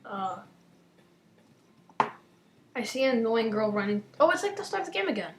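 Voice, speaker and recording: A young woman with a slight lisp hosting a gaming channel, chatting casually and reading game text aloud, her lines often trailing off quietly. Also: a little high, big pitch swings, normal speed, echoey room, a little hiss or hum.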